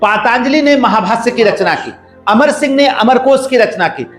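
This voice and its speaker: A man with a high, animated voice explains things step by step, like a lecturer stacking up points. He sounds unhurried and measured. The room is echoey, and a faint bed of music plays underneath. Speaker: guest scholar. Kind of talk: explanatory podcast talk. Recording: roomy echo, faint background music.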